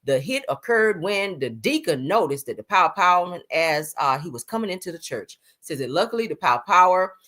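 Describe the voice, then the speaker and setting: Sassy lady reacting to the news, bright voice, voice bouncing all over. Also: on the low side, sing-song, a little fast, few pauses. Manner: sassy, talks to viewers as honey and child. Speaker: commentary show host. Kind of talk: casual news commentary.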